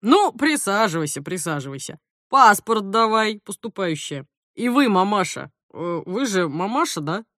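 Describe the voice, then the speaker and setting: A woman voicing a weary, stern male police major who talks in a gruff, official way. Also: medium pitch, big pitch swings, moderate pace, fairly bright tone, no echo, clean studio sound.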